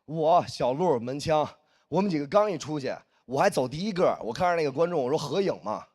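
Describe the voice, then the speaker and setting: A man performing a stand-up comedy set, telling a story in an animated way and acting out the dialogue. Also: fairly high pitch, a little fast. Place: stage in front of a live audience.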